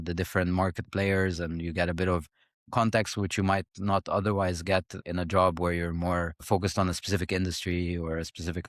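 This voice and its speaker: Deep-voiced reflective man from Egypt. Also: dry recording, clean studio sound. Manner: reflective, thoughtful, with frequent fillers and restarts. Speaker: guest, startup founder. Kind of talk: conversational interview answers.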